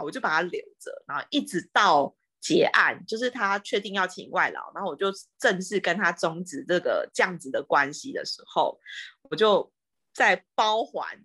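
A woman with a Taiwanese Mandarin accent, a home care worker, telling stories on a podcast in a lively way, acting out the dialogue. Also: lowish voice. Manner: lively, animated retelling with quoted dialogue. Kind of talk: casual podcast storytelling.

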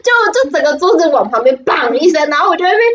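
A woman's voice: sits high, sing-song, fast, a bit bright, lo-fi sound. A young woman with a Taiwanese Mandarin accent, co-hosting a podcast and telling stories in a giggly, rambling way full of restarts. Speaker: podcast co-host. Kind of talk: casual storytelling chat.

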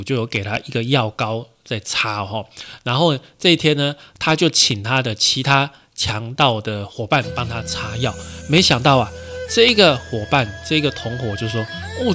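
A man's voice: medium pitch, sharp tone. Male storyteller. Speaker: podcast storyteller. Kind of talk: casual storytelling narration.

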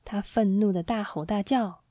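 A woman storyteller reading a children's story aloud in a gentle, expressive way, on a close mic. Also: mid-range voice, normal speed, no echo.

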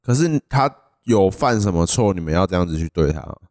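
A young man with a Taiwanese Mandarin accent, co-hosting a podcast, mostly chiming in with short reactions and quick questions. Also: low-pitched, expressive, darkish tone, no room sound, studio quality. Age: young adult. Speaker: podcast co-host. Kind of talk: casual chat.

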